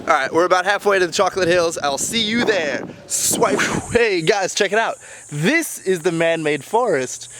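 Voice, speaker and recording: A man's voice: high voice, animated, moderate pace, background noise. A young man chatting casually to camera as he tours an island, talking straight to his viewers. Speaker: travel vlogger. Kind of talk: casual travel vlog to camera. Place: outdoors on a tropical island. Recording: outdoor camera audio with background music and crowd.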